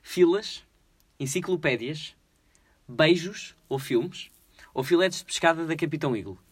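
A man with a European Portuguese accent hosting a casual quiz, playful and jokey, slowing down over hard words. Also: fairly high pitch, slightly rough, no echo. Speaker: quiz host.

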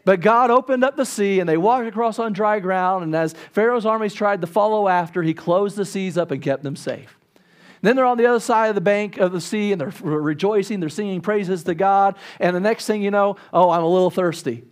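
High-voiced preacher in his thirties. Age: 30s. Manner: animated storytelling, acts out crowd complaints; halting restarts and repeated words. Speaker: pastor. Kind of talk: sermon.

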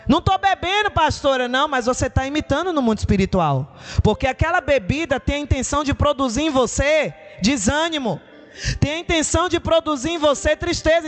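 High-voiced Brazilian woman pastor preaching. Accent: Brazilian Portuguese. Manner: emphatic preaching with rhetorical questions. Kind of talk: sermon.

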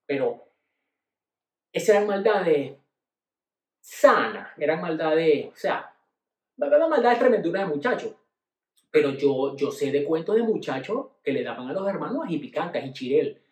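Animated Venezuelan man telling stories. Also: normal speed, long pauses. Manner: animated, slangy, swings between low mutters and loud exclaims. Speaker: podcast host. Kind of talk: casual storytelling monologue. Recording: roomy echo.

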